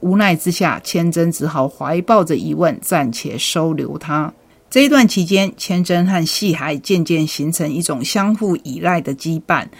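A woman with a notably low-pitched voice gives book recommendations in a calm, storytelling way. She recounts each novel's premise as if reading a short tale aloud. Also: normal speed. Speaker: book presenter.

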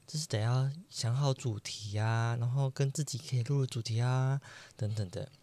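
A man's voice: mid-range voice, moderate pace, warm tone. A young man hosting a solo podcast, chatty and self-deprecating, acting out the voices in his own story. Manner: chatty, self-deprecating, acts out quoted dialogue. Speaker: podcast host.

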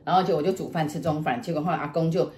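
A woman's voice: low-pitched, very fast. Middle-aged woman, casual storyteller, acts out the voices, echoey room. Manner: animated, acts out quoted voices, laughs often. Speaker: storyteller host. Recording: echoey room with faint noise.

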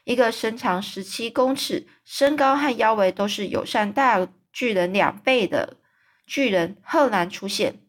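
A woman reading a children's book aloud as a storyteller, pausing to explain hard words for young listeners. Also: a little high.

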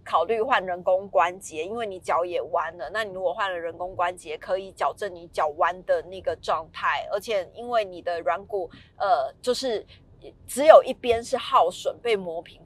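A woman voicing a patient hospital doctor who explains things slowly and softly. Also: fairly low pitch, natural voice. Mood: patient, reassuring. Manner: soft, measured, slow explaining.

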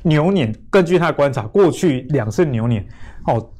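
A man's voice: a little high, animated, moderate pace, warm tone. A man with a Taiwanese accent, presenting a finance show in a conversational way as its host.

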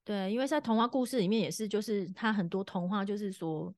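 A woman's voice: medium pitch, fast talker, a little mellow, no echo. Woman in her thirties, podcast co-host, easygoing storyteller, dry close recording. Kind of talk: casual chat.

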